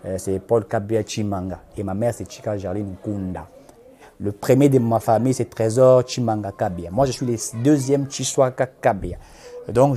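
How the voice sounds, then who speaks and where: Speaking in a lowish, warm voice, a Congolese-accented man gives an interview as a political activist. He is impassioned and emphatic, going over his points again and alternating between two languages.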